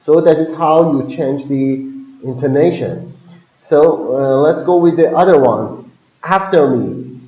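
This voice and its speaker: A man's voice: fairly high pitch, a little slow. A man with a Persian accent teaching a pronunciation lesson, calling on students by name and drawing out example sentences. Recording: echoey, dull lo-fi classroom audio.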